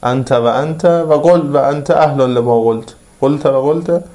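A man doing two stern, mocking angels telling off a fool. the voice climbs high and taunting, with a dark, mellow tone underneath. sounds like part of a sermon story. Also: natural voice.

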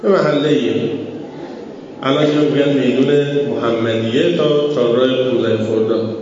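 A man's voice: darkish tone, slight background noise. A man preaching a religious sermon with fervor, asking rhetorical questions and telling stories, his voice jumping up for emphasis. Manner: fervent, rhetorical questions, sudden rises in pitch for emphasis. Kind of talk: impassioned religious sermon with storytelling. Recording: echoey, dull hall recording from far off.

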